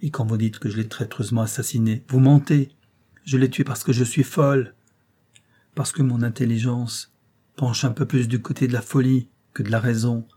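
Man voicing a young noblewoman, defiant, desperate, loud outbursts, husky, mellow. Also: mid-range voice, fairly even intonation, normal speed, lightly acted. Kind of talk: audiobook reading.

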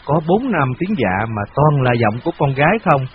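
Guy reading a novel aloud, steady, muffled lo-fi recording. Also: mid-range voice, normal speed, very noisy. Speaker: audiobook narrator. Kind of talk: scripted narration.

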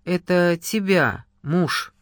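A man's voice: sits high, animated, a bit bright, no room sound, clean studio sound, full character voice. Reader voicing an eager, earnest young man. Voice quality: pleading, hurried. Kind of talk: audiobook character reading.

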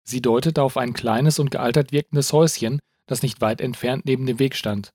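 Steady male audiobook narrator. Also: mid-range voice, normal speed, breathy edge, no room sound, clean studio sound.

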